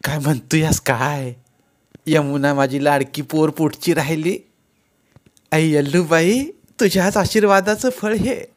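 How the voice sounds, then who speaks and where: A man voicing an old village mother-in-law with a rural Marathi accent, scolding and doting in a high, loud voice. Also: measured pace, natural voice. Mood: fussing.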